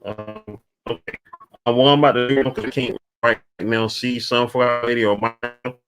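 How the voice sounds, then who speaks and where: A man hosting a casual livestream call, talking haltingly with many fillers and restarts while he sorts out the connection. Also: medium pitch, steady tone, a bit bright, faint music behind, poor audio. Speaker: livestream host.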